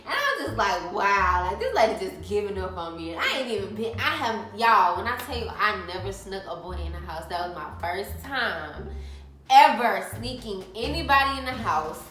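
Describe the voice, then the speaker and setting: A young woman from Alabama, casually telling a story to her viewers in an animated, chatty way. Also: medium pitch, moderate pace, reverberant, soft background music. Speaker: vlogger.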